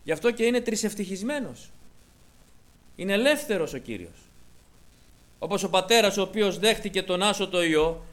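Preacher, male, high voice, fervent sermon delivery that sinks to hushed near-whispers, acts out the quotes he cites. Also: expressive, pauses often.

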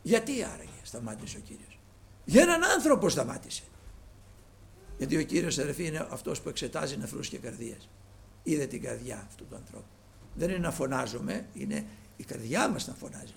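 Gravelly, high-pitched fervent preacher. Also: male voice, sing-song, a little hiss or hum. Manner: fervent, rising to loud exclamations then dropping to hushed storytelling. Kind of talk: sermon.

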